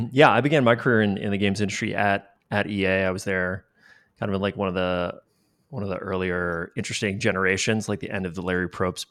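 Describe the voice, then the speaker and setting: A man's voice: sits low, fairly bright tone, no echo. A man speaking casually as a guest in an interview about his work. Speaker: interview guest, games executive.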